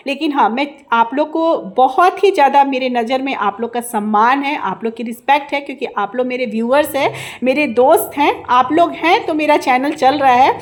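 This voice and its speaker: A woman narrating her vlog as a voice-over, talking loudly and emphatically in a way that can sound like scolding, recorded without an external mic. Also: sits high, normal speed. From India. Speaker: vlogger and housewife.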